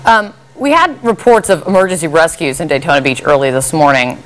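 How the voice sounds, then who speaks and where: Female news anchor, lower register, live broadcast interview style, studio setting. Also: lively intonation, fairly quick, a little hiss or hum, low-quality recording.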